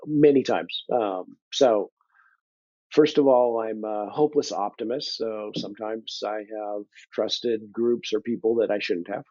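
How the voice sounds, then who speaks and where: A man's voice: fairly low pitch, measured pace, mellow, no room sound. An older man, a business leader, answering interview questions in a thoughtful, conversational way, with dry humor and frequent ums. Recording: dull, dry lo-fi sound.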